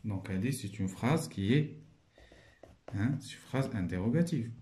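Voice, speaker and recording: A man's voice: lowish voice, animated, moderate pace, mellow. A man teaching a primary school French grammar lesson with a Moroccan accent. He explains each point in French, then repeats it in Moroccan Arabic.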